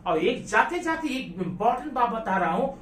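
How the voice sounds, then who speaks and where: A man's voice: very high voice, very animated, normal speed, fairly bright tone, a little hiss or hum. Man, teacher, classroom lesson, questions students, repeats key words, roomy echo. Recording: echoey room, voice from a distance.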